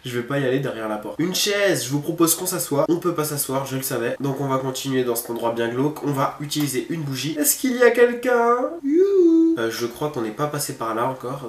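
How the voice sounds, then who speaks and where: Man, mid pitch, informal game commentary, thinking aloud to viewers, echoey room. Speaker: gamer hosting a horror game video. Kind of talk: casual let's-play commentary. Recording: roomy echo, faint background noise.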